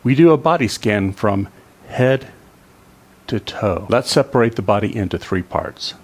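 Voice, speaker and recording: A man leading a guided tai chi and qigong body scan, speaking in a calm, soothing way with long pauses. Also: on the low side.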